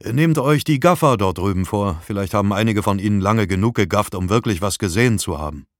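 A good-natured, brisk detective, voiced by the audiobook's male narrator, handing out orders with easy authority. The voice sits a bit above the narrator's usual low tone, in a dry, close recording. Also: animated, no room sound, lightly acted.

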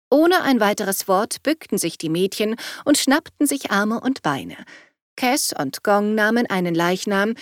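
Female audiobook narrator, even storytelling read, dry close recording. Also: fairly high pitch, dry recording. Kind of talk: scripted narration.

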